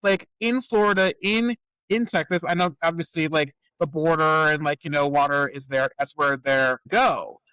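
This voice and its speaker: A man hosting a podcast in a casual political chat, thinking aloud in a halting way and often repeating words. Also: a little high, pushed and bright, clean tone, no echo, poor audio. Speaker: podcast host.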